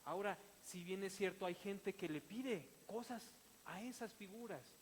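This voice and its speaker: A man preaching a sermon, mixing scripture with lively personal stories and laughing as he tells them. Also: high-pitched, a little slow. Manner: animated, breaks into laughter while telling stories. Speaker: pastor. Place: church sanctuary. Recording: church hall reverb with faint hiss.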